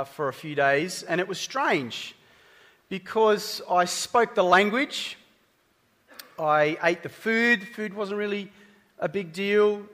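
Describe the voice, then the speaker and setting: In a reverberant church hall, a high-voiced Australian man with a fairly bright tone preaches a sermon, keeping it chatty and conversational with the congregation.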